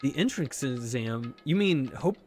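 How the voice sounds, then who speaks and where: A woman streamer reading game dialogue aloud, voicing every character in an animated way. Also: rumbling low, measured pace, soft background music.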